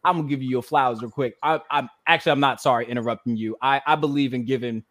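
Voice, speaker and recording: A man's voice: mid-range voice, steady tone, quick pace, fairly bright tone. A man hosts a casual interview in a loose, conversational way. His talk is full of fillers and friendly asides. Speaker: host.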